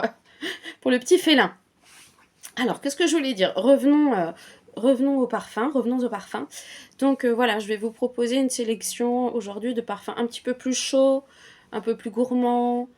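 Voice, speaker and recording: A woman's voice: on the high side, darkish tone. A woman vlogging about perfumes in a casual, chatty way, with many fillers and restarts. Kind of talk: casual chat.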